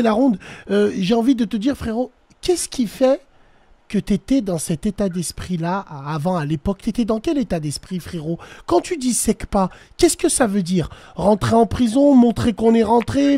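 A man's voice: sits high, lively intonation, moderate pace, warm tone, dry recording. A man with a French suburban accent hosting a live stream, chatting casually in street slang and familiarly calling people brother. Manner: familiar, addresses listener as brother.

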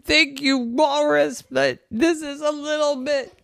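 A man voicing a scared, confused little girl in a bedtime story, with a high, squeaky, flustered voice. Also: steady tone, takes it slowly, creaky, fairly bright tone, dry recording, clean studio sound, exaggerated voice.

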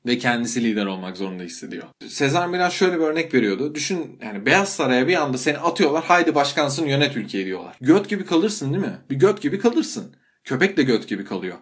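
A young man hosting a casual talk show, ranting in an animated, exasperated way and swearing freely. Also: a little high. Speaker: podcast host. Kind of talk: casual monologue.

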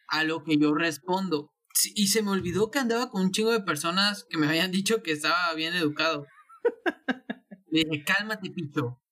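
A young man with a Tabasco accent telling funny stories in a casual chat, animated and slangy. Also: on the high side. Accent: Tabasco Spanish. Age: young adult. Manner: animated, slangy, quick bursts.

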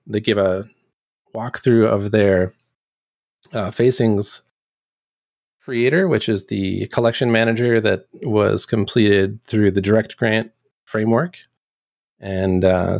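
A man presenting on a community show in a casual, halting way, often restarting and clearing his throat. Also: fairly low pitch, darkish tone, no echo, clean studio sound. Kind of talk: casual chat.

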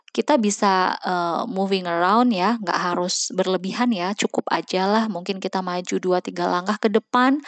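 A young woman talks through a public speaking lesson in a relaxed, chatty way, pausing on fillers and speaking straight to her listeners as friends. Her voice sits at an ordinary middle pitch. The recording is close and dry, with no room sound. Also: dry recording. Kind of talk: casual instructional talk.

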